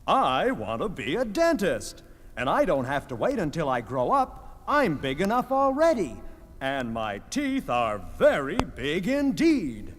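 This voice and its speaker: A smug, self-pleased horse, as a male storyteller puts him on boasts in a brisk, fairly high voice. He sounds plainly delighted with himself. The voice rings with long reverb on an old children's record. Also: huge pitch swings. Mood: boastful.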